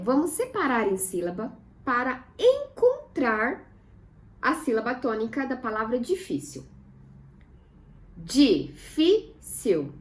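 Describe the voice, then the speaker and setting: A Brazilian woman teaching a lesson for children, speaking slowly and drawing words out syllable by syllable while asking her pupils questions. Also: high-pitched. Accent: Brazilian Portuguese.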